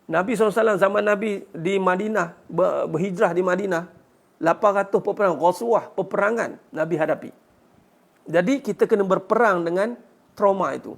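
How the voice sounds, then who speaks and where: A man's voice: high voice, a little fast. A man giving a religious lecture as a teacher, answering questions earnestly and punctuating his points with "ha" and rhetorical questions. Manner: earnest, urging listeners to fight back.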